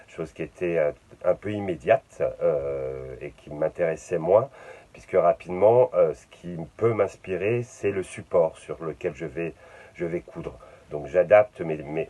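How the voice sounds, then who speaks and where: A middle-aged man, a visual artist talking unscripted about his work in his studio, pausing often with fillers and repeated words. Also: low-pitched, dark tone.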